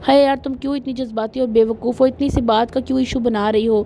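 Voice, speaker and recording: A woman reading the lines of a devoted young husband who coaxes and apologizes earnestly, in her own fairly high voice. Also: steady tone, dark tone, slight background noise, close to an everyday voice. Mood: longing, hesitant. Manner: coaxing, earnest.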